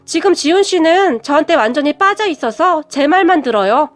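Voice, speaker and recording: A brazen, scheming young woman, put on by a woman narrator in an audio story. She talks back defiantly, in a sharp voice pitched even higher than the narrator's own high voice. The reading sounds shrill and self-assured. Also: moderate pace, soft background music. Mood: smug.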